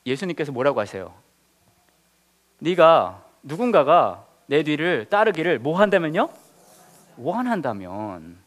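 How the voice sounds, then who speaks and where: A man's voice: a little high, unhurried, long pauses. A man, a pastor, leading a Bible study lesson, asking his listeners questions and joking with them. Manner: lively teacher, quizzes the group, jokes.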